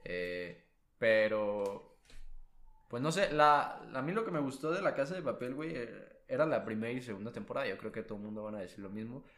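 A man's voice: mid-range voice, animated, brisk, a bit bright. A man with a Mexican accent co-hosting a podcast in casual chat, slangy and profane, rambling with lots of fillers. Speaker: podcast co-host. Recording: roomy echo.

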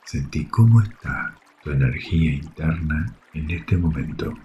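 A man with a Rioplatense Spanish accent leads a guided sleep meditation in a soft, soothing, hushed delivery with long pauses. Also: rumbling low, animated, dull audio, a little hiss or hum. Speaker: yoga nidra guide. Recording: faint water ambience behind voice. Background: trickling water sounds.

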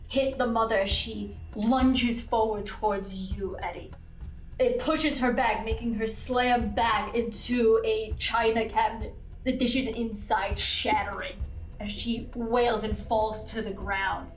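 A woman's voice: on the high side, fairly even intonation, takes it slowly, soft background music. A woman narrating a tabletop game as game master, describing the scene in vivid detail. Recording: roomy echo.

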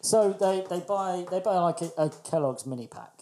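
A woman's voice: fairly low pitch, animated, moderate pace, warm tone. A woman with a British accent chatting casually as a podcast co-host, teasing and a little pedantic. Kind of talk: casual chat.

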